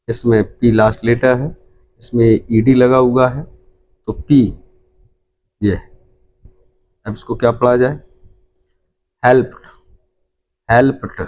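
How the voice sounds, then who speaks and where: A middle-aged male English teacher with an Indian Hindi accent talks at a very slow, deliberate pace. His pitch sits in an ordinary middle range, and he repeats each word several times as he explains it. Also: a little mellow. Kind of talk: pronunciation lesson.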